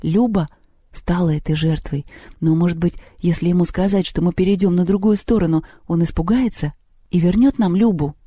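An anxious, earnest young storybook girl begs and reasons with a god, as a man voices her. The voice is lifted higher, soft and dark in tone, and completely dry. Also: normal speed, husky, dry recording. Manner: pleading, anxious.

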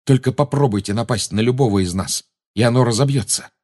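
A man's voice: medium pitch, a little fast, darkish tone, pitched above the performer's own voice, lightly acted. A man voicing a cornered but bold teenage boy wizard who taunts his enemies. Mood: defiant. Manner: defiant, taunting.

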